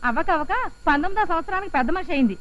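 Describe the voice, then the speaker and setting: A chatty, rapid woman relative. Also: very high voice. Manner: rapid, lively storytelling.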